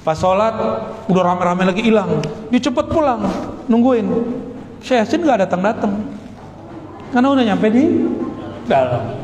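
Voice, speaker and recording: A man's voice: high-pitched, very animated, moderate pace, long pauses, a little mellow, a little hiss or hum. A man giving a religious lecture as a preacher, telling stories with animation and putting questions to his audience. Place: hall with long reverb. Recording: echoey hall, faint background ambience.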